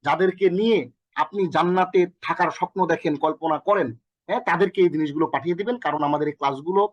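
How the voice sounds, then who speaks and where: Fast, high-voiced male Arabic teacher. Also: no echo, muffled recording. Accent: Bangladeshi. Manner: energetic, repeats and quizzes the listener. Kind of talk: recorded online lesson.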